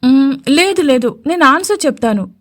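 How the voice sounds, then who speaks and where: A shy young woman flustered by her lover, as a woman reader puts her on. Her protests come out coy and a little whiny. The voice sits high and moves a lot. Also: big pitch swings, normal speed.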